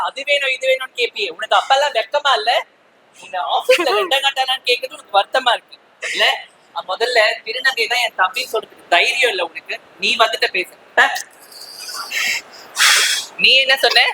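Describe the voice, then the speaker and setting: A man's voice: very high-pitched, sharp tone, slight background noise, exaggerated voice, poor audio. An actor playing a young transgender woman who pleads with her parents and confronts her siblings, close to tears. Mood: defiant. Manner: pleading, anguished, sometimes crying. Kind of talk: family drama acting.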